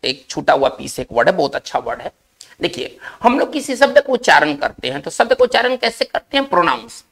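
A man's voice: fairly high pitch, sing-song, vocal fry, a bit bright. A man teaching English spelling and word meanings in a recorded lesson, explaining step by step and often checking that students follow. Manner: explains slowly in Hindi, often checks with "isn't it?".

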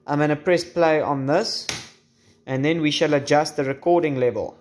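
A little hiss or hum runs under this man's voice, which is on the high side with a darkish tone and a moderate pace. In his twenties, he presents a casual how-to from a small room at home, full of wry jokes and mild cursing. It's captured on the camera's built-in mic at varying distance.

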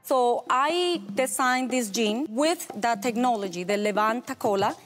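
A woman in her forties from Colombia with a Colombian Spanish accent, pitching her business to investors in an upbeat, persuasive way. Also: lively intonation, a little slow, faint music behind. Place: large studio set.

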